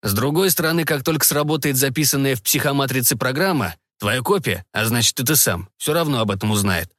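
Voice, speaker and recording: A man voicing a gruff older male counter-admiral who talks bluntly in an audiobook. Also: mid-range voice, lively intonation, a little fast, fairly bright tone, dry recording, studio quality, lightly acted. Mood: confiding. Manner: blunt, clipped. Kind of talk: audiobook character voice.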